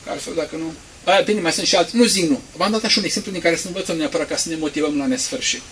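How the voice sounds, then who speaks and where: High-voiced impassioned male priest. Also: a little hiss or hum, poor audio. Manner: impassioned, swinging from quiet asides to loud emphatic peaks. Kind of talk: sermon.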